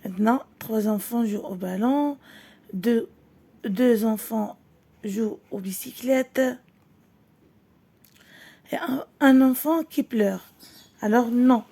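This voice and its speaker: A woman teacher with a Moroccan accent leads a children's reading lesson. Her voice sits a little high and sounds warm and mellow. She reads each line slowly and clearly, then explains it quickly. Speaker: primary school French teacher.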